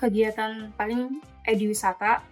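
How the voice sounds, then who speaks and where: A woman's voice: a little high, fairly even intonation, a little slow, faint music behind. Hesitant woman in her late twenties. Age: 20s. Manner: hesitant, many fillers. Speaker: volunteer tutor interviewee. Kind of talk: casual interview answers.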